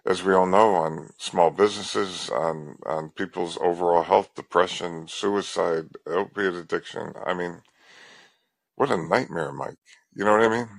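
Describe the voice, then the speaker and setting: A man's voice: low voice, measured pace, vocal fry, no room sound, low-quality recording. A man calling in to a talk show, speaking in an emphatic, rambling, crude way. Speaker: caller. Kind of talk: phone-in conversation.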